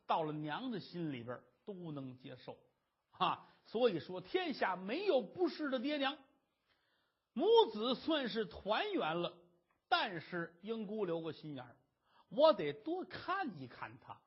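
Animated high-voiced male storyteller. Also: husky. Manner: animated, dramatic narration. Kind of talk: traditional storytelling performance. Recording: dull lo-fi recording.

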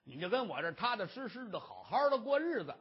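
Brief: storyteller as a smug lecherous villain, husky, lo-fi. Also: mid-range voice, big pitch swings, quick pace. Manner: smug, coaxing, laughing. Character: gloating lecherous gambling-den boss. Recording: dull lo-fi recording.

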